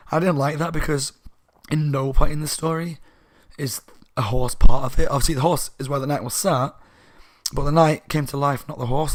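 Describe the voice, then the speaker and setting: A man giving a casual, slightly drunk book review, rambling and correcting himself. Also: a little high. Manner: rambling, tipsy, self-correcting.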